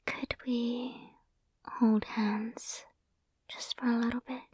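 Soft whispering young woman, slow and hushed. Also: on the high side, little pitch movement, breathy edge, dry recording. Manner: sweet, affectionate, slow. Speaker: ASMR performer. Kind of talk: ASMR roleplay. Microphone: close sensitive microphone.

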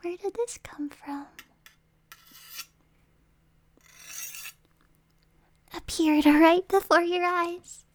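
A woman's voice: extremely high pitch, fairly even intonation, measured pace. A woman playing a whispering possessive supernatural girl. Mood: unsettling, whispery. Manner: mostly whispered, coaxing, suddenly snapping. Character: possessive, unstable young supernatural girl captor. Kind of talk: ASMR roleplay.

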